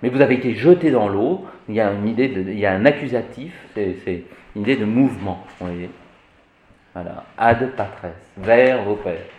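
A man teaching Latin in a classroom lecture, animated and fond of vivid examples, often checking that his listeners follow. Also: fairly low pitch, normal speed, echoey room, lo-fi sound, a little hiss or hum. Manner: animated, repeats "vous voyez", vivid examples.

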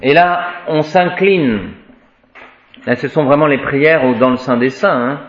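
Man, Latin teacher, chants declensions, slow, echoey lo-fi classroom recording. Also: mid-range voice. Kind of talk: classroom grammar lesson. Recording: echoey room, dull lo-fi sound.

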